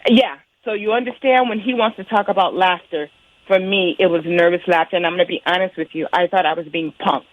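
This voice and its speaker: A woman's voice: lowish voice, steady tone, fairly quick. A woman calling in over the phone to a radio show, talking bluntly and candidly with nervous laughs. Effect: heard over the phone. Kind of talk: on-air phone call. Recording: tinny phone line.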